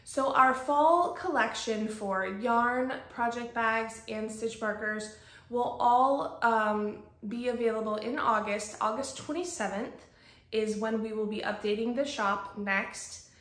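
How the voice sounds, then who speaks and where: A woman's voice: on the high side, slow pace, fairly bright tone. A woman in her forties hosting a casual podcast, chatty with many ums, recorded in a bare room that sounds echoey. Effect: echoey empty room. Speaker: podcast host and shop owner. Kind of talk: casual chat. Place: empty home office with bare walls.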